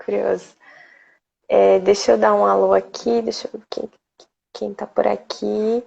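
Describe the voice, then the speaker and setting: Woman live-stream host from Brazil, gravelly, darkish tone, dull lo-fi audio, chatty. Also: mid-range voice, little pitch movement, measured pace, a little mellow. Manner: chatty, greets viewers by name. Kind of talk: casual live chat.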